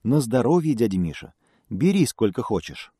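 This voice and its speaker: A man's voice: mid-range voice, very animated, moderate pace, warm tone, husky, no room sound, studio quality, pitched above the performer's own voice. A man voicing a timid little hare in a fairy tale, meek and polite.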